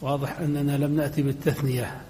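A male teacher giving a recorded lecture, spelling out his examples slowly and with care. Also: fairly high pitch, flat delivery, mellow, in a large hall, a little hiss or hum. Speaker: grammar teacher.

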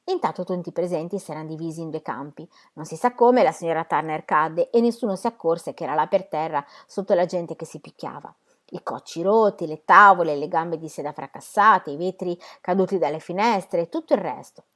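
A woman's voice: fairly low pitch, fairly quick, fairly bright tone. Woman reading a novel aloud. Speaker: reader. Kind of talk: audiobook narration.

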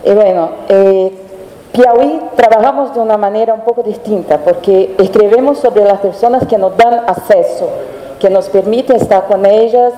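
A woman's voice: mid-range voice, warm tone. A woman journalist with a Brazilian Portuguese accent, speaking a Spanish-Portuguese mix and searching for words as she answers on a panel. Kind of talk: spontaneous panel talk. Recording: echoey hall with long reverb.

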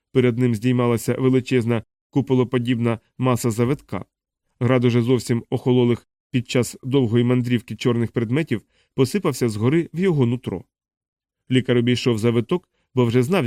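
A male audiobook narrator reads a novel in a measured, even way. His voice is warm and mellow at a middle pitch, and the recording is dry and close. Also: no echo. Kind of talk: scripted narration.

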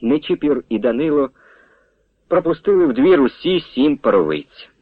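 A man's voice: fairly high pitch, moderate pace, no echo. Man reading a story on thin radio. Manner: steady storytelling read. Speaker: narrator. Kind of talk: scripted narration. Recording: tinny dry radio recording.

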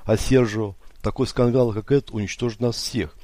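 A man voicing a panicky, loud male film producer in an audiobook, yelling and hysterical. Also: medium pitch, fairly even intonation, normal speed, dry recording, close to an everyday voice.

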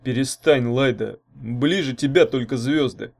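A man's voice: medium pitch, measured pace, gravelly, darkish tone. A man reading an audiobook, playing a slippery young man, a liar and thief, who talks defensively and flustered.

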